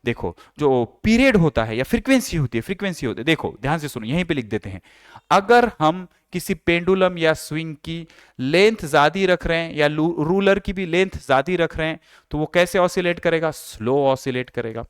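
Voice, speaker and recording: A male teacher lectures with a smooth, clear, slightly high voice. He repeats key phrases and asks and answers his own questions. The sound is close and dry. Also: animated, moderate pace, no echo. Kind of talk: classroom lecture.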